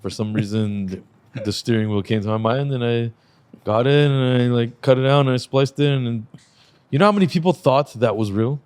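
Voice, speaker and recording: A man hosting a car podcast in casual chat, relaxed and swearing freely, laughing often. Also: mid-range voice, fairly quick, smooth, no room sound. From Lebanese Armenian family. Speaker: podcast host.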